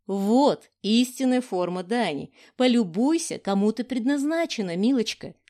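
A woman's voice: a little high, animated, moderate pace, darkish tone, natural voice. A woman voicing a scheming male villain in an audiobook, reading his lines in a taunting, sneering way. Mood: mocking.

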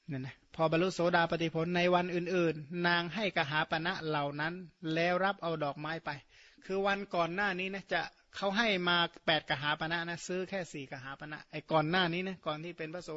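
A Buddhist monk from Surin, Thailand, whose first language is Khmer, gives a dharma talk retelling scripture with casual spoken asides. He explains terms and adds colloquial asides and tag particles. His voice is fairly high and fairly bright, with the highs cut off.

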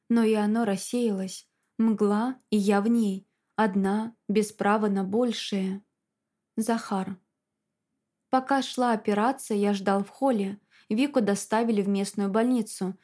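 Mellow-voiced woman narrating an audiobook. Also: medium pitch. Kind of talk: scripted narration.

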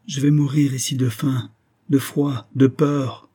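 A man's voice: medium pitch, steady tone, unhurried, dark tone, husky, voice pushed up. A man reading an audiobook, voicing a haggard male recluse who is convinced he is haunted and speaks with feverish dread. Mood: fearful.

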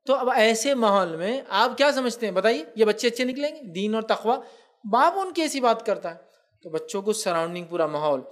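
A man giving a religious talk on raising children, with speech and mixed in, acting out quoted family members as he goes. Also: high-pitched. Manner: acts out quoted family members in lively asides. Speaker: Islamic speaker.

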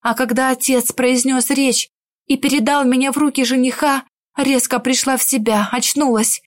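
A woman reading a first-person fantasy romance audiobook in an expressive, emotional way. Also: high voice, normal speed, dry recording, studio quality. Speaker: audiobook narrator. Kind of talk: first-person scripted narration.

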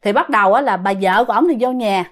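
A woman's voice: medium pitch, fast talker. A woman with a Southern Vietnamese accent telling a ghost story casually, often addressing her listeners directly.

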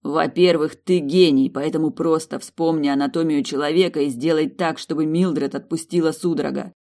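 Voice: medium pitch, fairly even intonation, moderate pace, mellow, natural voice. A reader voicing a stern vampire man who gives firm orders and curses under pressure.

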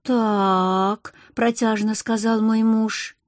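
Brief: expressive female audiobook narrator, mid pitch, dry close sound. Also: normal speed, no echo. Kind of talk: first-person audiobook narration.

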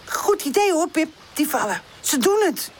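A woman voicing a mischievous little puppy boy who shouts gleefully. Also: high voice, animated, moderate pace, slight background noise, pitched above the performer's own voice. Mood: cheeky.

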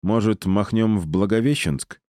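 A young male wizard answers in a wry, offhand manner, as a man reading an audiobook voices him. The tone is low and mellow, and the recording is dry. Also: moderate pace, no echo, lightly acted.

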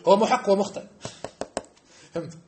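A man giving a mosque study-circle lesson, animated and emphatic, often checking that his listeners understand. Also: high voice, fairly quick. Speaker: religious teacher. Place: mosque hall.

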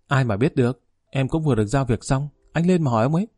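Guy reading as a nervy young guard, pleading and jumpy, dark dry voice, audiobook. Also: medium pitch, very fast, no echo, natural voice. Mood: cocky. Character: young male bank security guard, eager, anxious.

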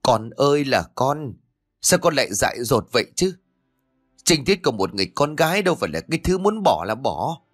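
Male reader voicing a grieving village mother in a storybook, high, tearful reproach. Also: animated, moderate pace, creaky, breathy edge, faint music behind, full character voice. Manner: wailing reproach. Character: grieving scolding middle-aged village mother.

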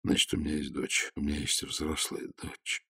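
A man voicing a middle-aged gentleman who speaks quietly in a breaking, faltering voice. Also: a bass voice, monotone, moderate pace, creaky, breathy edge, heavily acted. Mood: shaken. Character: gentle middle-aged male adventurer, shaken.

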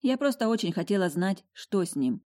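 A woman giving lively, expressive first-person narration of a fantasy audiobook. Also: medium pitch, brisk.

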